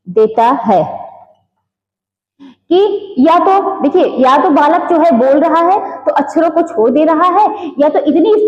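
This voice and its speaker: A woman teaching an exam-coaching class with a high voice. She dictates slowly word by word, repeats phrases and keeps asking rhetorical questions. The sound is dull and lo-fi, with a long echo from the room.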